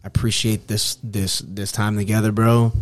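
A middle-aged man from New York hosting a podcast, talking casually and earnestly, often halting and repeating his phrases. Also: fairly low pitch, flat delivery, no room sound. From New York, United States. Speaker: podcast host.

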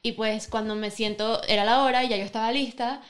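A young woman with a Venezuelan accent talks fast in a slightly high voice. She is a podcast guest telling her story in an animated, casual way. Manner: animated, quick, full of "o sea".

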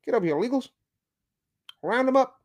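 A man putting on a swaggering male cowboy voice with gruff, drawling taunts. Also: very high voice, animated, normal speed, pitched above the performer's own voice. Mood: taunting.

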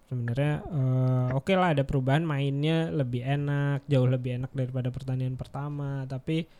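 A man co-hosting a casual football podcast, talking with many pauses and restarts. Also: medium pitch, fairly even intonation, mellow, smooth. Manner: hesitant, many fillers and restarts. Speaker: podcast co-host.

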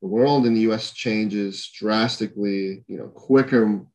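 Young man from Honduras, podcast guest, low-pitched, reflective, hesitant with fillers. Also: unhurried, darkish tone, low-quality recording. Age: young adult. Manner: thoughtful, lots of fillers and restarts. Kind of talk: casual conversation.

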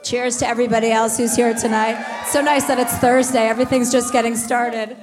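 A woman hosting a live stage talk, blunt and self-deprecating, quick to joke. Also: on the high side, level tone, long reverb tail, music in the background, a crowd in the background. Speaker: host. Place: live venue with an audience.

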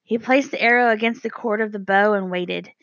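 A woman reading a children's storybook aloud as narrator, measured and gentle. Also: medium pitch, steady tone, no room sound, dull audio. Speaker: audiobook narrator.

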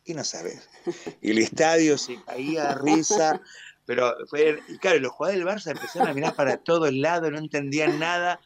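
A man from Mar del Plata with an Argentine accent, a stadium announcer telling stories in a radio interview with animated pride. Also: fairly high pitch, normal speed. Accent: Argentine Spanish, Mar del Plata. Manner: animated storyteller, proud and expansive.

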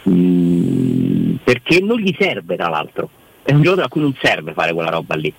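Low-voiced opinionated man talking football. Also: sing-song, moderate pace, gravelly, breathy edge, faint music behind, poor audio. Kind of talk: casual football commentary.

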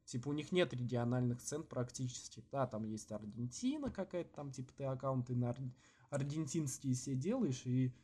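A man co-hosting a podcast in casual, slangy chat with swearing, halting with many false starts and repeats. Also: medium pitch, expressive, mellow, slightly rough. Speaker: podcast co-host.

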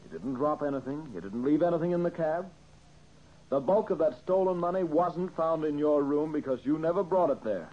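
An actor voices a brisk, confident, methodical male detective in an old-time radio mystery, laying out a case with emphasis in an assured, accusing mood. His voice is fairly high, a little fast, and close to an everyday voice, heard through a muffled old radio recording.

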